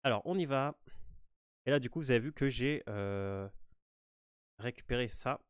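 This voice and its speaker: A man with a French accent and a mid-range voice hosts a game walkthrough at a normal speed, casual and hesitant, with many fillers and restarts. The tone is clean, with no room sound, in a clean studio recording.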